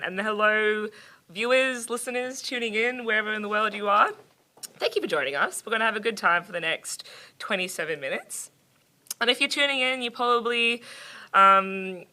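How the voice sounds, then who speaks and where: A young woman hosting a casual roundtable chat in a studio, upbeat and quick to laugh. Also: fairly high pitch, sharp tone. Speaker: host. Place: studio in Sydney.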